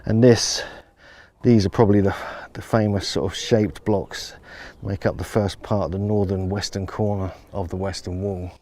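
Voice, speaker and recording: Walking through ancient temple ruins outdoors, a travel vlogger films himself on a handheld camera with no stabilizer, enthusiastically marveling at the massive stones as he guides viewers around. His voice is fairly low and darkish, with little pitch movement and a moderate pace.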